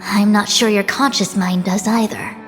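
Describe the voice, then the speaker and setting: Woman acting calm, deadpan seer, medium pitch. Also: big-room sound, faint music behind, lightly acted. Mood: dry, skeptical. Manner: measured, deadpan. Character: calm, formal, dryly witty young seer. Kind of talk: video game voice acting.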